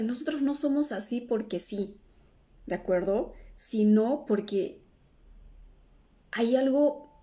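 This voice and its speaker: Mellow-voiced woman coaching on a live stream. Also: a little high. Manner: tags nearly every phrase with "¿no?" or "¿sí?"; answers viewer comments aloud. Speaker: emotional healing coach. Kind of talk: live-stream teaching talk.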